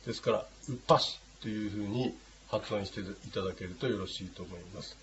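A man's voice: fairly low pitch, fairly even intonation, fast talker. Patient man teaching a language class. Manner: patient, many hesitation fillers. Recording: dull lo-fi with faint noise.

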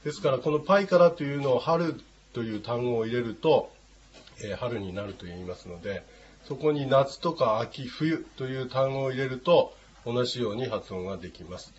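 A man teaching a language class, patient and unhurried, with many hesitating fillers. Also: mid-range voice. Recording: dull lo-fi with faint noise.

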